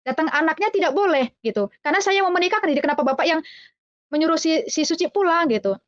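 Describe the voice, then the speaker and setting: High-voiced woman telling her testimony. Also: no room sound, highs cut off. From Java, Indonesia. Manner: chatty, addresses listeners as dear brothers and sisters; acts out quoted voices, sings hymn lines slowly. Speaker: testimony speaker. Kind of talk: personal testimony storytelling.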